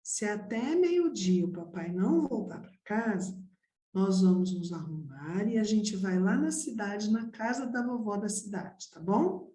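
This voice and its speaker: Woman doing a gentle coaxing mother. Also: medium pitch, expressive, unhurried, close to an everyday voice. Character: gentle, worried young mother calming her child. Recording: roomy echo.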